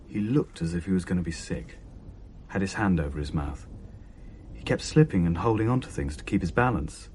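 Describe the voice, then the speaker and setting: In a dramatic radio play, an actor serves as narrator and character, voicing a shaken man who recounts a horrifying haunting with a horrified, haunted mood. His low, darkish voice is lively in intonation and a little fast, his storytelling hesitant and dramatic, with a slight hiss or hum on the recording.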